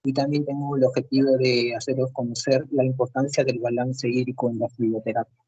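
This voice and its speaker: Brief: male student presenter, husky voice, halting delivery full of fillers, dull dry call audio. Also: mid-range voice, level tone, warm tone, dry recording. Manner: hesitant, many filler sounds and restarts. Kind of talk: class presentation over video call.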